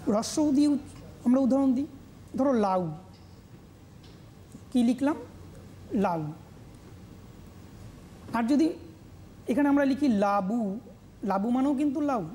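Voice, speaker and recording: A Bengali-accented woman teaching grammar on a TV lesson, slowly repeating words to drill their pronunciation. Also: high-pitched, mellow, slight background noise. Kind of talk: televised classroom lesson.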